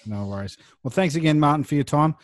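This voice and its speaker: A podcast host speaks in a fairly high, expressive voice at a fast clip, with no room sound. Easygoing and affirming, he tells stories in casual chat on a close studio mic.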